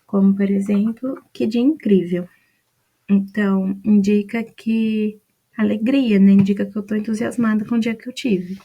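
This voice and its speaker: Working from a mind map, a Brazilian Portuguese-speaking student calmly explains grammar step by step, peppering it with "então" and frequent "né?" checks. Her voice is relaxed, mid-pitched, and mellow, her rhythm patient, and the audio has a lo-fi quality.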